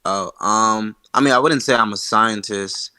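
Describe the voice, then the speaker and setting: A man's voice: lowish voice, unhurried, pushed and bright, smooth. A man taking part in a casual voice-chat discussion, rambling with many fillers. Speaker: participant.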